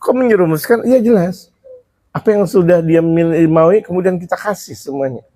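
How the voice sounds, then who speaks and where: A man preaching on a religious book, switching between Arabic recitation and lively, chatty explanation. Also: high voice, moderate pace. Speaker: Islamic preacher. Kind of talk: sermon teaching a religious book.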